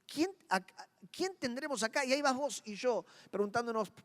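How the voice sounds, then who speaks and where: Rioplatense pastor preaching in a reverberant hall. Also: male voice, very high voice, expressive, brisk. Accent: Rioplatense Spanish. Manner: dramatic, acts out inner voices and swings between soft and loud. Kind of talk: sermon.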